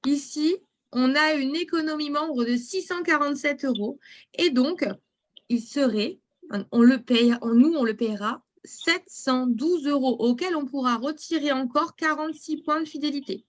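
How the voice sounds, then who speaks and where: A woman's voice: high-pitched, moderate pace. A woman presenting a travel booking platform in a live online demo, speaking straight to viewers and reading their chat messages aloud.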